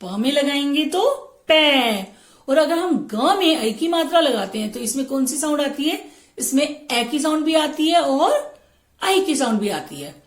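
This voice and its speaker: A woman teacher giving a slow, patient lesson to children. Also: high voice, lively intonation. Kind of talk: online class lesson.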